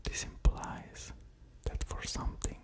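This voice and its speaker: A man in his thirties giving a whispered ASMR lecture, slow and deliberate, very close to studio microphones at the ear. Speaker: ASMR creator explaining physics. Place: small quiet room at home, indoors. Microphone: pair of studio condenser microphones with pop filters, very close.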